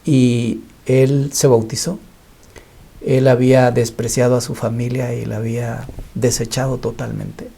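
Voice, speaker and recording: Un pastor mexicano que cuenta historias con seriedad en un panel de estudio bíblico. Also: male voice, mid-range voice, level tone, a little slow, creaky, dark tone, slightly rough. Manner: storytelling, earnest testimony. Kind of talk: Bible study panel discussion.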